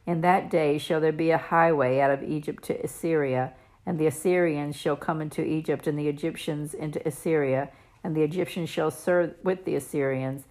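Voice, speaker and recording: Woman w a low voice reading old king james bible verses, solemn n measured, kinda declamatory. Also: fairly even intonation, darkish tone. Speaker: scripture reader.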